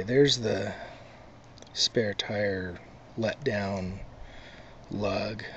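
A man showing a car repair himself, talking in a slow, halting, casual way with many pauses, recorded on a handheld camera outdoors at night under a truck. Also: fairly low pitch. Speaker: DIY video maker. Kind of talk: casual how-to demonstration. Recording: loud noise behind the voice.

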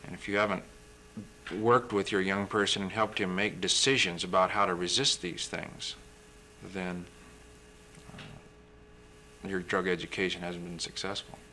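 A young man, a physician guest in a TV studio interview, explaining in a measured way and clearing his throat now and then. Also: sits low, steady tone, sharp tone, a little hiss or hum. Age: young adult. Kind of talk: interview answers.

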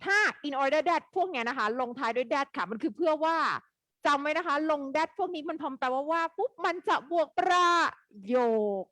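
Lively woman teaching English. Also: high-pitched, moderate pace, no echo. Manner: lively, quizzes students, mixes English into Thai. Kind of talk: live online lesson.

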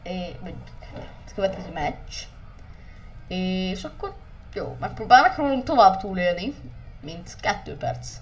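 A woman commentates her racing game with excitable energy, her pitch leaping about as she shrieks at crashes. She talks loudly into a poor microphone that sits a little far off. A faint hiss lies under her voice. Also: lo-fi sound. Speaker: gamer. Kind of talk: let's play commentary. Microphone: poor gaming mic, speaking loudly into it. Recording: distant mic with faint noise.

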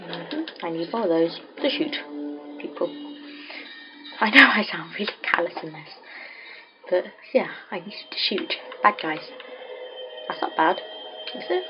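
A woman's voice: fairly low pitch, lively intonation, unhurried, pauses often, music in the background. A young English woman giving casual, self-deprecating commentary while playing a game at home, talking to herself. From England. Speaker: let's play gamer. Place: home room. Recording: dull lo-fi mic with clear noise.

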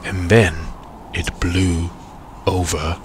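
A man reading a children's picture book aloud, expressive with dramatic pauses. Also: sits low, background noise. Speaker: storyteller. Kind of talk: children's storybook read-aloud.

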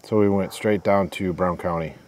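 A man's voice: deep voice, steady tone, moderate pace, a little mellow, slight background noise. A man hosting a casual travel vlog, chatty and joking, often talking over his partner, on a clip-on mic. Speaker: vlog host.

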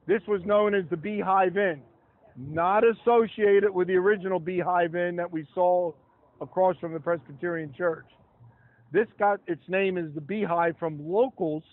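A man's voice: sits high, no echo. An older man leading an outdoor history walking tour, chatty and given to asides, reading from his notes by a roadside. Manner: chatty, asides and restarts while reading from papers. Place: roadside sidewalk outdoors beside traffic. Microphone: camera held close in the crowd. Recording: tinny phone-like outdoor audio.

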